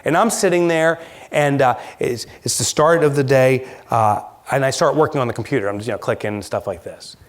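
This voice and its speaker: A man giving a keynote talk, telling a story in an animated, self-mocking way and acting it out. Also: mid-range voice, fairly quick. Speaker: keynote speaker. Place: large conference hall.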